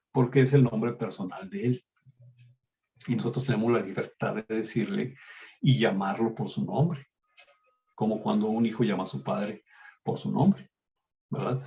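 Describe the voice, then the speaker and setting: A man with a Mexican accent teaching an online Bible class, explaining slowly and calling his listeners brothers. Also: mid-range voice, mellow. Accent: Mexican Spanish. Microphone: video call. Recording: dull lo-fi video call audio.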